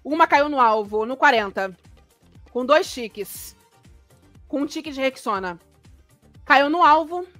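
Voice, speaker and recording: A woman's voice: high voice, animated, unhurried, long pauses, fairly bright tone, dry recording, soft background music. A woman hosting a live stream, commenting on a reality show and reading out viewer comments in a chatty, exclamatory way.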